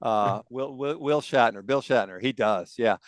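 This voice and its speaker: A man's voice: medium pitch, normal speed, no echo, low-quality recording. A man hosting a casual music debate show, opinionated and enthusiastic as he tells stories. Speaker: podcast host. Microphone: on camera, video call.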